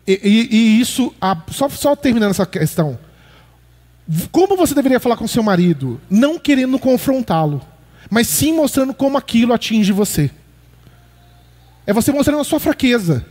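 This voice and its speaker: A man preaching a sermon, animated, acting out example lines in mock voices. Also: extremely high pitch, moderate pace. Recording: church hall reverb.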